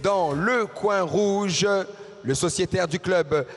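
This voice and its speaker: A male arena announcer with a very high, projected voice introduces kickboxers in a ceremonial way. He draws out the names theatrically, with music playing clearly behind him. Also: slow pace, in a large hall. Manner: theatrical projected calls, stretching out fighters' names. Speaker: ring announcer at a kickboxing event.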